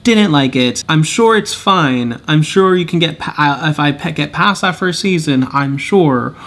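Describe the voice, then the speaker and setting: A young man reviewing films and shows in a casual vlog, rambling and correcting himself as he talks, with pitch jumping high and low for emphasis. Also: lively intonation, unhurried, a bit bright. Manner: rambling, self-correcting, chuckles often. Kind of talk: casual monthly review chat.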